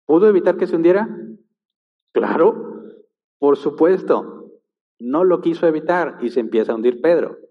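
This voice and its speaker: A man's voice: fairly high pitch, lively intonation, moderate pace, pauses often. A man preaching a sermon, emphatic and full of rhetorical questions. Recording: long-reverb hall, dull lo-fi sound.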